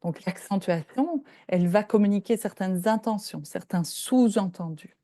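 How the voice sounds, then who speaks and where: A woman's voice: medium pitch, moderate pace, mellow, no echo, clean studio sound. An older woman from Belgium, a professor giving a lecture and explaining points step by step, often checking in with her listeners. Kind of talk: lecture presentation.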